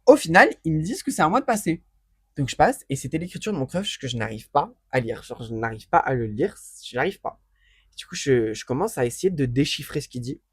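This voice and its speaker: A young man tells stories quickly on a podcast, his voice higher than most men's. He acts out the voices of the people in his stories. The sound is close and dry. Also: breathy edge, no room sound. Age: young adult. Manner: animated storyteller, acts out voices in anecdotes. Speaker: podcast co-host. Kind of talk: casual chat.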